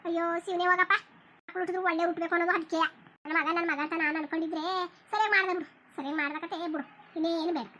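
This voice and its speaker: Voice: extremely high pitch, steady tone, very fast, sharp tone, slight background noise. A cartoon voice of an elderly village mother, lamenting and scolding her son over and over. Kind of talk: cartoon voice acting.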